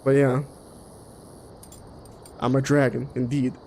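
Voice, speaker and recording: This Caribbean streamer from Curaçao, a native Papiamento speaker, chats casually and opinionatedly during gameplay over a clearly noisy background. He speaks slowly and flatly in a mellow voice of medium pitch.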